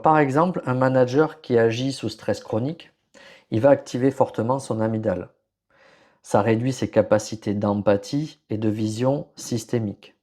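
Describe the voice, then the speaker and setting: A man explaining leadership ideas in a hesitant solo talk, often pausing and searching for words. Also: medium pitch, warm tone. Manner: many fillers and restarts, searching for words. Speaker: podcast host presenting on leadership.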